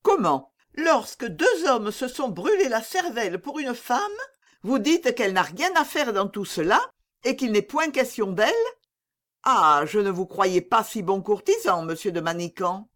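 A woman's voice: medium pitch, animated, measured pace, a bit bright. A woman reading an audiobook and voicing a haughty, impatient young princess who presses and needles with irony. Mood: imperious. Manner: haughty, pressing, exasperated, ironic. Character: imperious impatient young princess, royal lady.

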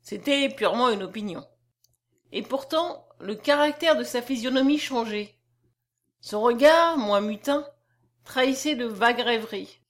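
A woman narrating a classic novel as an audiobook, with a measured, expressive reading. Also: a little high.

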